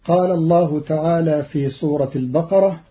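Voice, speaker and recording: A man giving a scripted radio explanation of Quran readings, in a slow, measured and formal way. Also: on the high side. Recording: dull lo-fi archive radio recording.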